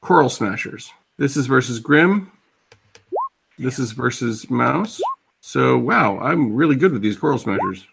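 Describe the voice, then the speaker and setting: A man's voice: mid-range voice, expressive, a little slow, creaky, noisy background. A man running a tabletop fantasy game as game master, casual and playful with chuckling asides.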